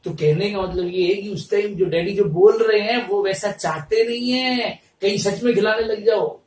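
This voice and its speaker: A man's voice: high voice, moderate pace, darkish tone. A man teaching vocabulary for exams, explaining words through chatty comic stories and checking in with his students as he goes. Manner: chatty storytelling with comic examples, frequent "theek hai na". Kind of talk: exam-prep lesson explaining word meanings. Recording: echoey room, mic set far away.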